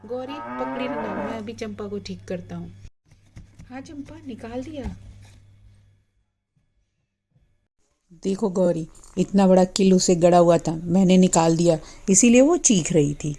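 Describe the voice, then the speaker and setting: A woman's voice: mid-range voice, animated, normal speed, dark tone, close to an everyday voice. A woman voicing a kindly village father in a children's doll story, speaking in a soothing, reassuring way. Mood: relieved.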